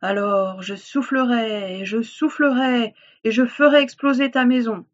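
A woman voicing a sly, hungry male wolf in a children's storybook reading, coaxing and drawing out his threats slowly. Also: a little high, dull audio. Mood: threatening. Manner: coaxing, then slow drawn-out threats.

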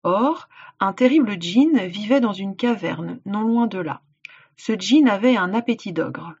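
A woman teacher reading a folk tale aloud and explaining words and tasks clearly to a child, in a dull lo-fi recording. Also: mid-range voice, animated, unhurried, a little mellow. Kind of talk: read-aloud storytelling and instructions.

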